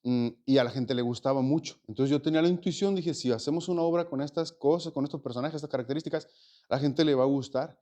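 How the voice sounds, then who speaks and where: A man's voice: on the high side, fast, mellow. A man in his forties from Mexico, an actor and stage producer, answering interview questions in a reflective, rambling way with many fillers and repeated words. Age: 40s. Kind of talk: casual interview conversation.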